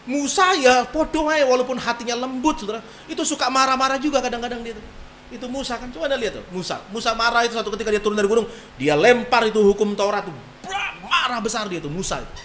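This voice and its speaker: Animated, colloquial male preacher. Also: very high-pitched, fast talker, a little hiss or hum. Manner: animated, colloquial, acts out voices. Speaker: pastor. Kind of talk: sermon.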